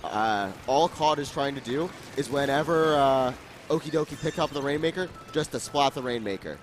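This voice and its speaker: Casting: male esports co-caster, mid-pitched, playful and excitable, faint noise behind. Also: moderate pace. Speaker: esports commentator. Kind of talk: live esports commentary.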